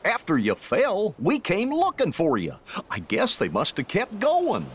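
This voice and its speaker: A man's voice: high-pitched, huge pitch swings, measured pace, slight background noise, exaggerated voice. A man voicing an easygoing, goofy cartoon dog with a folksy drawl.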